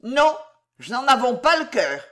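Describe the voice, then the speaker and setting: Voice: medium pitch, big pitch swings, a little slow, fairly bright tone, voice pushed up. A narrator voicing a tall, bony country woman with rustic, ungrammatical speech in an audiobook. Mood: blunt.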